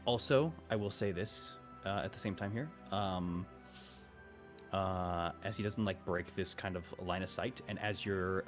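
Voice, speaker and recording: Deep-voiced man running a tabletop game. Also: fairly bright tone. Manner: improvised, conversational storytelling. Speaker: game master. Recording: music behind the voice.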